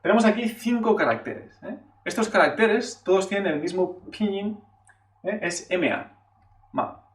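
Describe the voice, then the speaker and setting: A man's voice: sits high, animated, moderate pace. A man from teaching a Chinese lesson in a patient, explanatory way, often checking in with a questioning "eh" and exaggerating sample syllables to show the tones. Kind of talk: classroom-style video lesson. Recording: roomy echo, voice from a distance.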